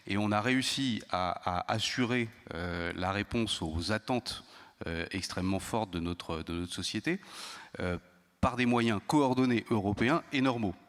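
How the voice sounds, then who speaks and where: Man, lowish voice, halting careful panel speaker, hall echo. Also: fairly bright tone. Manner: measured, many hesitations and restarts. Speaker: intelligence service panelist. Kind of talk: round-table talk. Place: conference hall. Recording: long hall reverb.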